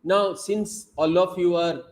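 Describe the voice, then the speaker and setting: A slightly high-voiced man with an Indian English accent lectures over a video call. He presses his points hard, repeating himself, and leans on plenty of "uh" and "you know" along the way. His first language is Odia. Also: steady tone, slow pace, rough recording. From Odisha, India. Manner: emphatic, repeats himself, many fillers. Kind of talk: online lecture.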